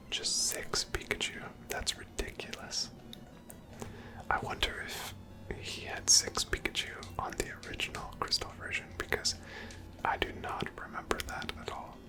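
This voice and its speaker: This whispered ASMR gameplay commentary comes in an almost toneless, breathy voice. The speaker calmly talks through their own playthrough, thinking aloud at an unhurried, chatty pace.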